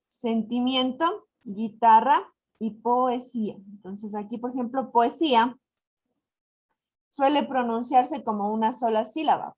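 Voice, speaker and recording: A woman teacher with an Ecuadorian Spanish accent explaining a lesson step by step, slowing down on examples and checking that her students follow. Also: on the high side. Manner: didactic, slows to spell out examples, asks "¿ya?" to check understanding. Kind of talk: recorded lesson explaining syllable counting.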